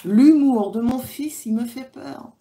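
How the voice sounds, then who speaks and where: A woman's voice: high-pitched, takes it slowly, warm tone. A woman from France, chatting casually with viewers on her livestream, rambling with many fillers. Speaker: livestream host. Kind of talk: casual live chat reading comments.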